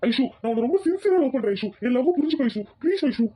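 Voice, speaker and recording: A woman's voice: high voice, animated, fast, dark tone, breathy edge. A woman voicing a lovesick young male student in a Tamil cartoon, begging earnestly.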